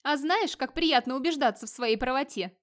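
A radiant young Valkyrie woman speaks with a bright, merry lift in her voice, friendly and glad to be among people. A woman reader puts her on in an audiobook, her tone a little higher than a typical woman's. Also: normal speed, close to an everyday voice. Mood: pleased.

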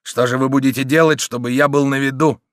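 A man's voice: medium pitch, fairly even intonation, fairly quick, dry recording, clean studio sound, natural voice. A man reading an audiobook who plays a proud old nobleman, speaking in a grave, haughty manner.

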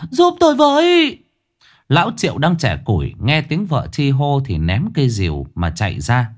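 A man narrating a ghost story in a dramatic, expressive way. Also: medium pitch. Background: faint background music.

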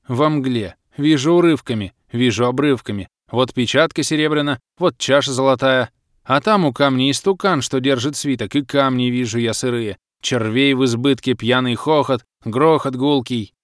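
A man's voice: medium pitch, normal speed, dry recording, clean studio sound, natural voice. A man doing a dazed rambling fisherman. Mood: dreamy. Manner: dreamy, chanting half-remembered visions.

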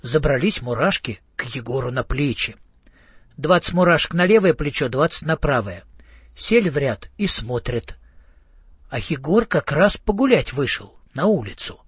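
Husky, lively male storyteller. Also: mid-range voice, normal speed, no echo. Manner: expressive, playful. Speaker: narrator. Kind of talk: audiobook storytelling for children. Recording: slightly muffled audiobook.

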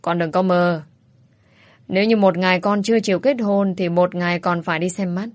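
A woman's voice: on the low side, steady tone, no echo, close to an everyday voice. A woman voicing a bossy older mother who scolds her daughter and schemes to marry her off. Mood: scolding. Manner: scolding, brisk.

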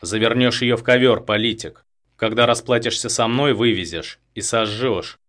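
A man's voice: medium pitch, normal speed, fairly bright tone, close to an everyday voice. A man voicing a mocking, threatening male killer who was a boxer. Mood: mocking, menacing.

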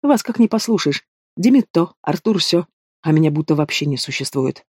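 Audiobook heavy: mocking young thug, read by a man, mellow and fairly high. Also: lively intonation, moderate pace, breathy edge, no room sound, clean studio sound. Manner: taunting, drawling, casual menace. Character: sneering young male villain, lazy and mocking. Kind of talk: audiobook character voice.

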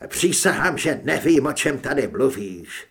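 A man's voice: mid-range voice, sing-song, a bit bright. A man voicing a tough male monster hunter who answers with curt, dry replies. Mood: defiant.

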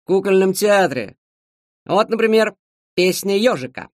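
A man voicing a cocky male comedian who boasts slowly and drags out his words. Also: high voice, animated, no room sound, studio quality, pitched above the performer's own voice. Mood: boastful.

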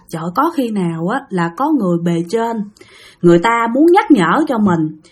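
A woman narrates a spooky story, chatty and conversational. She talks straight to her listeners as she goes. Her voice sits a little high. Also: breathy edge. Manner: chatty, addresses listeners directly.

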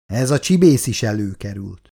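A man reading aloud, voicing a gruff, combative middle-aged father who grumbles. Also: fairly low pitch, lively intonation, dark tone.

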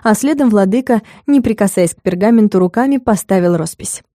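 A woman narrating a comic fantasy audiobook in a measured, expressive way. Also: medium pitch, no echo, studio quality.

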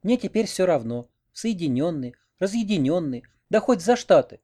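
A man's voice: high-pitched, sing-song, normal speed, dark tone, voice pushed up. A man voicing a fretful young village woman who complains plaintively. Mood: dreamy.

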